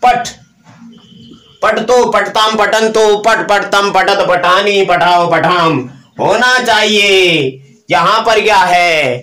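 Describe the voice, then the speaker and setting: Male teacher, high voice, recites forms and quizzes himself; roomy echo. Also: takes it slowly, sharp tone. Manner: drills verb forms aloud, asks and answers his own questions. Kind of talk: live online grammar lesson.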